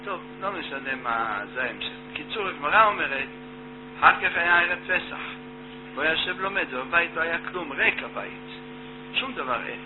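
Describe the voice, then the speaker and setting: גבר מלמד תורה ומספר סיפור מהגמרא בחיות ובמשפטים קצרים, בקול מעט גבוה. ההקלטה צרה כמו שיחת טלפון, עם זמזום חשמל חזק ברקע. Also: male voice, fairly high pitch. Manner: lively, loose retelling in short phrases. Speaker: Torah teacher. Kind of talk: telling a Talmud story in a lesson. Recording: tinny phone-like line with mains hum.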